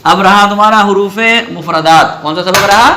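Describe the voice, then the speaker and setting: A high-pitched man teaches Quran reading over crowd noise. He puts questions to his class, answers them himself, and stretches out the letter sounds in a sung way.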